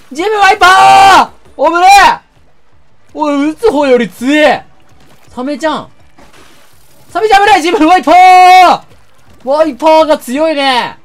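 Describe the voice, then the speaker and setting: Excitable woman streamer type, higher voice, swings in pitch constantly, shouts reactions at the game while chatting to viewers. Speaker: gaming YouTuber. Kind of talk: game commentary.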